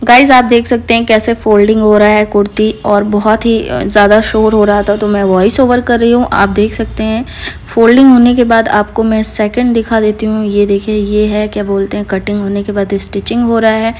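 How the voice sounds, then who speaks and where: Casting: woman vlogger, friendly voice-over, flat pitch, faint background noise. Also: normal speed. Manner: chatty, addresses viewers as guys. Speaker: vlogger touring a garment factory. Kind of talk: casual vlog narration. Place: voice-over recorded apart from the noisy factory.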